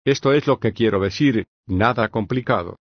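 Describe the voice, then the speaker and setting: A male reader voicing Socrates, an older patient philosopher, reading in an even, measured way with long reasoned questions. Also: on the low side, no room sound, highs cut off, natural voice. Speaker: audiobook reader. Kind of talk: scripted audiobook reading of a philosophical dialogue.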